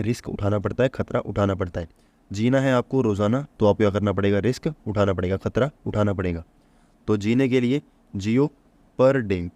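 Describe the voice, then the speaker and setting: Low-voiced man drilling vocabulary. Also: darkish tone, no room sound. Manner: asks the listener rhetorical questions and answers them himself; repeats key points to drill memory tricks. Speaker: vocabulary teacher. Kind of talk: exam-prep vocabulary lesson.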